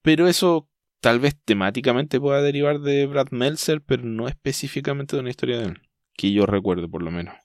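A Chilean man hosting a podcast in casual chat, talking thoughtfully and often pausing to restart his sentences. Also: medium pitch, dry recording, clean studio sound. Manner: thoughtful, hesitant, trails off and restarts mid-thought. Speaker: podcast host.

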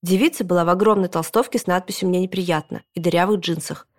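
A woman narrating a children's storybook aloud, with a lively, expressive reading in a boy's first-person voice. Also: lowish voice, fast. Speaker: audiobook reader.

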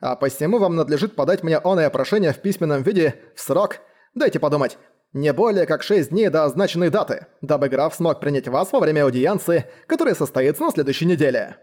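In an audiobook, a man performs a pompous, fussy male official who speaks in stiff bureaucratic phrases. The voice is a little high and a little mellow, animated and brisk.

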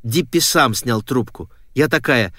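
A man narrating a first-person story as an audiobook, often hushed and lowered. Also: expressive, unhurried, dry recording, clean studio sound.

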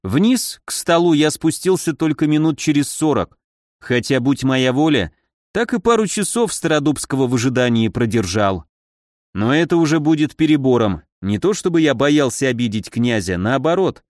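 A man narrating a first-person audiobook in a wry, expressive way. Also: medium pitch, normal speed, no room sound, clean studio sound.

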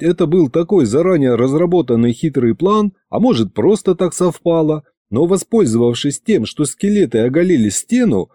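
A man reading a first-person audiobook in a lively, expressive way. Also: fairly high pitch, no room sound, clean studio sound. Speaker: audiobook narrator.

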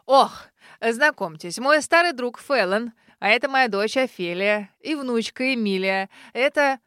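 A woman reading an audiobook, voicing a lively, bossy old witch grandmother who talks loudly and brashly. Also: fairly high pitch, unhurried, clean tone, no echo, studio quality. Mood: brash, merry. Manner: loud, laughing and brash. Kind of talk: audiobook character voice.

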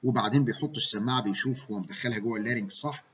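A man's voice: mid-range voice, racing, fairly bright tone, husky, dull audio. A man with an Egyptian Arabic accent giving a medical lecture, mixing English medical terms into his Arabic and often checking that students follow.

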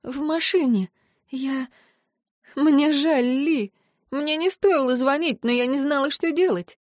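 A woman acts out a teenage girl in an audiobook, crying hard into the phone. She stammers and chokes on her words, her voice pitched up high. The sound is close and dry. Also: takes it slowly, no room sound. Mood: tearful pleading. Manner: stuttering between sobs. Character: teenage girl sobbing after a breakup.

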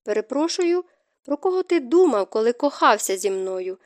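Woman reading a tearful young bride, breathy, gasping, insecure, fairly high voice, audiobook romance. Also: big pitch swings, normal speed, dry recording. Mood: vulnerable.

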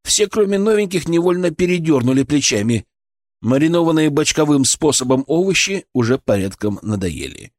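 A man narrating an audiobook in an expressive storytelling manner. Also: a little high, moderate pace, no echo, studio quality. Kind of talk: scripted narration.

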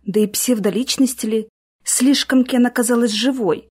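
A woman narrating a fantasy audiobook in a steady, even storytelling manner. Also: on the high side, moderate pace, breathy edge. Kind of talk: scripted narration.

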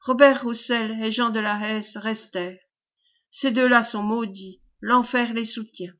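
A woman's voice: on the high side, steady tone, unhurried, a bit bright. A woman reading the speech of a humble peasant man who tells a grim tale with earnest fervor. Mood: fervent. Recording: dull lo-fi recording.

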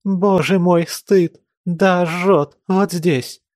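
A man's voice: a little high, moderate pace, warm tone, no room sound, studio quality, voice pushed up, lightly acted. A man voicing a passionate, distraught woman who pleads and cries out in anguish.

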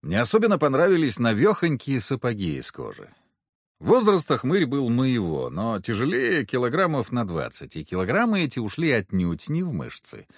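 A man's voice: medium pitch, huge pitch swings, moderate pace, no room sound, clean studio sound. A man reading a first-person adventure audiobook in a wry, sardonic storytelling manner. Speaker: audiobook narrator.

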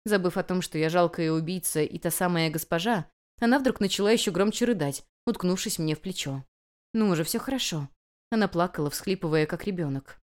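A woman's voice: lowish voice, brisk. Woman narrating a storybook in first person. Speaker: audiobook narrator.

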